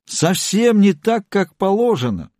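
A man's voice: sits high, sing-song, darkish tone, dry recording, clean studio sound, voice pushed up. A man playing a domineering, pompous husband who lectures and bullies his wife. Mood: bullying. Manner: stern, bullying, slow and lecturing.

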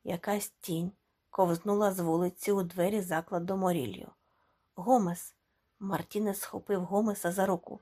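A woman reading a short story aloud as audiobook narration, expressive and dramatic. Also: on the low side, moderate pace. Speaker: audiobook reader. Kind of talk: scripted narration.

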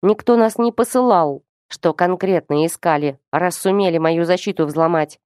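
A woman reading a story who voices a suspicious old man interrogating two youngsters in a curt, sharp manner. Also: lowish voice, moderate pace, clean tone, no echo, studio quality, lightly acted.

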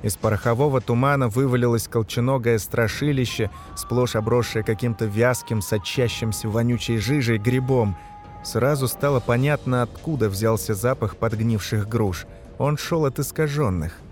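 A man reading a dark fantasy novel aloud as narrator, shouting the characters' lines in the battle scenes. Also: mid-range voice, moderate pace, faint music behind. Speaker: audiobook narrator. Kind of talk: scripted narration.

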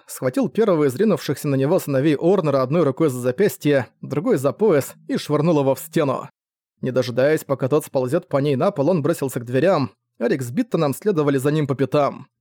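A man's voice: medium pitch, dark tone, no echo, studio quality. A man giving a vivid, dramatic scripted narration of a fantasy novel. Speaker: audiobook narrator.

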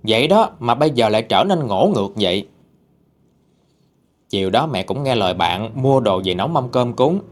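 A man's voice: medium pitch, very animated, normal speed. A man telling a ghost story in a casual, conversational way.

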